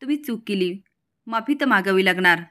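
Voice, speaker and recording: A woman's voice: medium pitch, animated, brisk, sharp tone. A woman voicing a firm, principled young woman who speaks plainly and directly.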